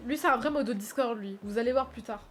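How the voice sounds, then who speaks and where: High-voiced, animated streamer woman. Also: quick pace, slight background noise. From France. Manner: animated, teasing and crude, laughs often. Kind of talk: casual gaming stream chat.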